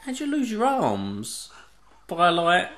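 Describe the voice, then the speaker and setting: A man's voice: high voice, huge pitch swings, slow, fairly bright tone. A man, co-hosting a podcast in casual chat, wry and musing aloud. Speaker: podcast co-host.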